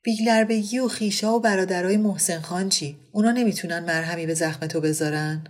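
A woman's voice: on the low side, close to an everyday voice. A woman voicing a jolly teasing aristocratic lady. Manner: playful, joking, exclaiming. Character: jovial teasing aristocratic lady, quick to laugh.

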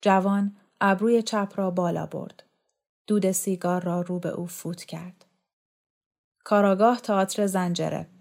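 A woman reading a novel aloud in calm, measured narration. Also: fairly low pitch. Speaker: narrator, audiobook reader.

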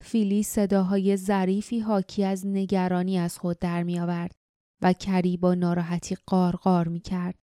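A woman reads an audiobook in a steady, measured way. Her voice is dark and mellow, and the recording is dry and close with no room sound. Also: on the low side, clear, resonant tone, dry recording. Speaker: audiobook narrator. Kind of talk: scripted audiobook narration.

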